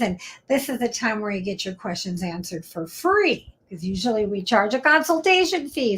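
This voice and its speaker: A woman's voice: medium pitch, a bit bright. Upbeat, talkative woman lawyer hosting a live stream; casual, chatty delivery. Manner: chatty, upbeat and talkative, drops into whispered asides. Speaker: attorney hosting a live legal Q&A show.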